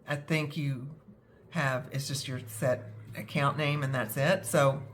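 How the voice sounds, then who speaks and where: A woman's voice: extremely low pitch, steady tone, measured pace. A young adult woman with a scratchy throat from a cold, talking casually and self-deprecatingly, with many fillers. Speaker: budgeting vlogger. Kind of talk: casual talk to camera.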